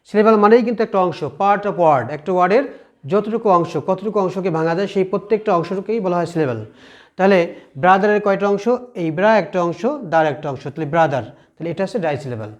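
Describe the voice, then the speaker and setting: A male teacher takes his students through an English lesson, asking questions and then repeating the answers himself. His voice sits high. He explains each point step by step and goes over it again. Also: a little fast, highs cut off. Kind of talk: classroom lesson.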